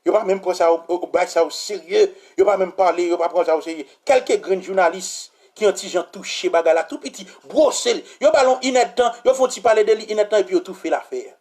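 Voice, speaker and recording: A man with a Haitian accent giving heated, repetitive political commentary that bursts into shouting. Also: high voice, fairly quick, hardly any pauses. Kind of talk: impassioned political commentary vlog.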